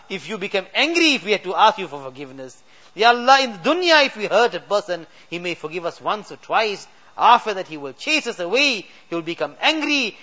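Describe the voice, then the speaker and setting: This high, fairly bright male voice belongs to an imam leading an impassioned late-night supplication. He pleads again and again through repeated refrains, captured on a dull, lo-fi recording.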